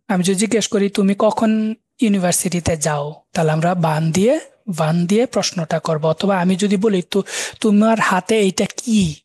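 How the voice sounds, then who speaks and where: A man teaching German in a live online class, repeating and slowly spelling out words. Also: sits high, a little mellow, no room sound. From Bangladesh.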